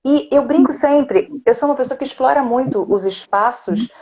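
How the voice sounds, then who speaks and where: A woman's voice: sits high, normal speed, darkish tone, muffled recording. A woman with a Brazilian accent, a vocal coach, explaining voice technique in a casual, teacherly way. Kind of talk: casual chat.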